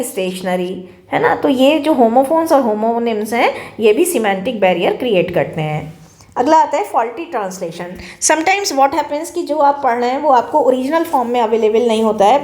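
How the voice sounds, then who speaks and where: A woman with an Indian accent giving a classroom lecture, explaining in Hindi mixed with slow, deliberate English phrases. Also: on the high side, darkish tone. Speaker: teacher. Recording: echoey room.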